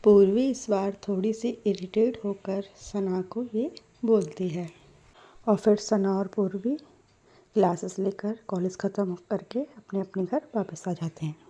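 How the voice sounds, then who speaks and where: A woman storyteller with a gentle, unhurried delivery. Her voice is soft and mellow, and she talks slowly, speaking directly to her listeners. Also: mid-range voice. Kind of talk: scripted story narration.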